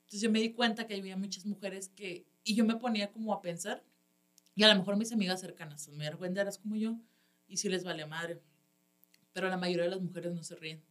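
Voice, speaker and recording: Mexican woman comedian, casual chat, animated storytelling, laughs a lot, slangy, mid-pitched voice. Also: fast talker. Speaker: stand-up comedian, guest.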